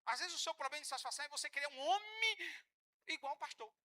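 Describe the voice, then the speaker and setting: A man preaching a sermon in church, animated and joking with the congregation, often acting out the voices of church members. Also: extremely high pitch, fast. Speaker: pastor.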